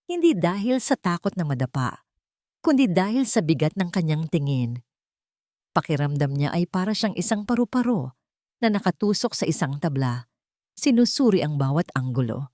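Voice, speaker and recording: A woman with a Filipino accent and a fairly low, slightly mellow voice narrates a scripted romantic story. The recording is dry, with clean studio sound.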